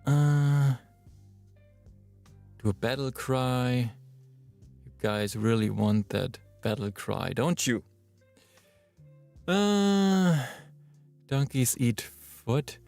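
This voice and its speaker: A male voice actor, chatting and thinking out loud during a live-streamed recording session in his booth. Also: medium pitch, animated, drawn-out words, vocal fry, long pauses, faint music behind. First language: German. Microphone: booth microphone.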